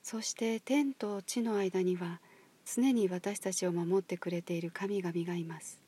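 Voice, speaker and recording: Woman, meditation guide, breathy, husky, soft near-whisper, slow and calm delivery. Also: lowish voice. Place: outdoors at a highland marsh.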